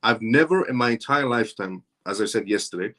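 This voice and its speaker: The man's low-leaning voice is animated and a little fast, bright and forceful. A live streamer in his thirties, he answers comments he reads aloud from viewers, pressing his points emphatically and over and over.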